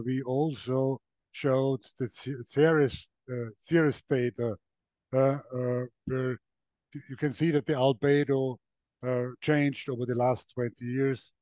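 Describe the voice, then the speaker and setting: A man with an even, narrow intonation offers an informal academic comment. He is hesitant, and the recording is dry and somewhat muffled. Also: mid-range voice, no room sound. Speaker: research co-author commenting.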